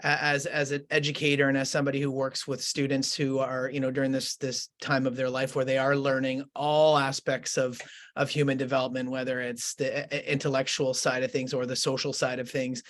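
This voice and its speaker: A man, a school principal telling a story in conversation, earnest and halting, with many fillers and restarts. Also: medium pitch, completely flat delivery, fairly bright tone.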